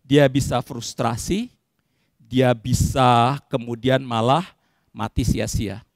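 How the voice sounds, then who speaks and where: A man preaching a sermon to his congregation, addressing them directly and swinging between loud outbursts and quiet asides. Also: medium pitch, steady tone, slow pace, gravelly, no echo, studio quality. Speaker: pastor. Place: church service.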